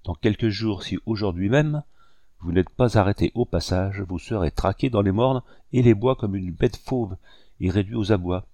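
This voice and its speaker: A man's voice: on the low side, normal speed, warm tone, no echo, lightly acted. A man reading an audiobook voices a young army captain who speaks coldly, ironically and with contempt. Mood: disdainful.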